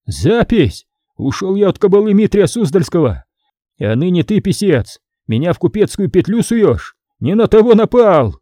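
A man voicing a poor, one-eyed peasant who pleads in a trembling voice and shouts bitterly. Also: a little high, animated, moderate pace, dry recording, studio quality, voice pushed up.

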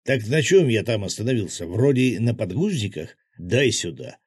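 A joking soldier who talks over the radio in the middle of a fight, as a narrator puts him on. He teases in slow, drawn-out words with a slightly raised voice. This is an audiobook figure. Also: lowish voice, sing-song, breathy edge, no echo, studio quality. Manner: teasing, drawn-out joking delivery.

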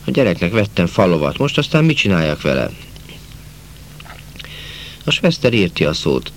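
Man doing a peasant soldier, cheerful, chatty, folksy, low voice raised a little, faint hiss. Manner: lively, folksy, talkative.

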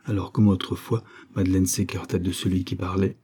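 A man reading a novel aloud in measured scripted narration. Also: low-pitched, little pitch movement, mellow, husky. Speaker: audiobook narrator.

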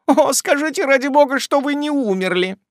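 Storybook: hysterical spinster aunt, shrill and gasping, high voice, played by a man. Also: expressive, brisk, no echo, studio quality. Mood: shrieking. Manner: wailing and exclaiming. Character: hysterical unmarried middle-aged aunt, woman, sentimental. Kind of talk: audiobook character voice.

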